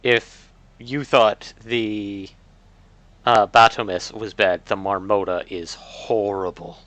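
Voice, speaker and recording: Man, bright voice, dry close sound, casual game stream chatter, filler-heavy rambling. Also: fairly low pitch, steady tone, slow pace, dry recording. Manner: rambling, many filler "uh"s and restarts.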